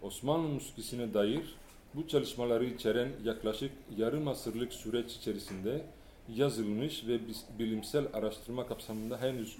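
A man lecturing in an echoey hall, his delivery measured and halting, pausing on fillers and correcting himself as he works through read-aloud material. His voice is mellow and dark at a middle pitch, and a faint hum sits behind him. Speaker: lecturer on music history.

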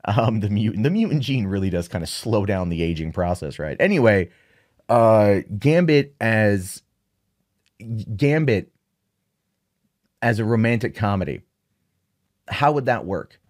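A man giving opinionated solo commentary on movie news, sarcastic and exasperated, with animated rants. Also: lowish voice, a little slow, long pauses.

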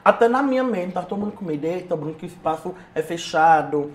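A man tells stories at a brisk clip, voice riding high. He acts out what people said and sprinkles in fond endearments. The tone is a relaxed podcast chat. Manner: animated storyteller, acts out his own quotes; affectionate, calls people "meu amor". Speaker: podcast guest, blogger. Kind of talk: casual chat.

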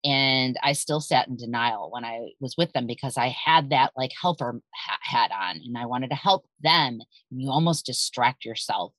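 A woman in her thirties hosts her own podcast, speaking in a very low voice. She talks in a candid, confiding way and swears frankly, recorded close and dry with no room sound. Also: a bit bright, no echo, poor audio. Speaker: podcast host. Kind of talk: personal storytelling podcast.

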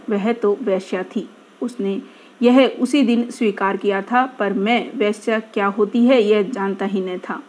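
Female storyteller, mid-pitched, measured literary reading, quiet stretches. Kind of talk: reading a first-person story aloud.

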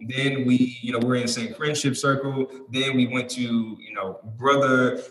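A man's voice: mid-range voice, fairly even intonation, normal speed, fairly bright tone. An American man with a polished broadcast-style voice, chatting casually on a podcast and telling stories in a talkative, wandering way. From St. Louis, United States. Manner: talkative, storytelling with tangents. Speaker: podcast guest. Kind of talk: casual conversational podcast chat. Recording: roomy, echoing sound.

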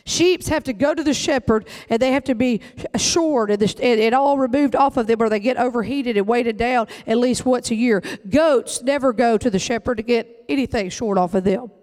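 Man preaching a fiery, folksy sermon in a very high voice. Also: normal speed, hardly any pauses, a little mellow. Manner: emphatic preaching, folksy Southern phrasing. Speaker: pastor.

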